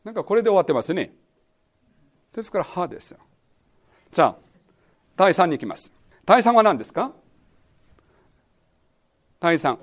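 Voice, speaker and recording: A man's voice: sits high, sing-song, normal speed, long pauses. A man teaching a Bible lesson as pastor, quizzing his listeners and repeating key words. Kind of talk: sermon-style Bible lesson.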